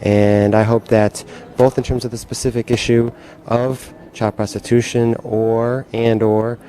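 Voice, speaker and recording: A man speaking at a conference, giving a measured interview statement and searching for words. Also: mid-range voice, little pitch movement, dark tone. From United States.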